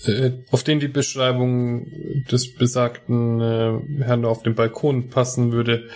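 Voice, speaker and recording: A man playing a Victorian doctor who speaks haltingly, searching for words. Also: medium pitch, flat delivery, a little mellow, natural voice. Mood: careful. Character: plodding male Victorian doctor.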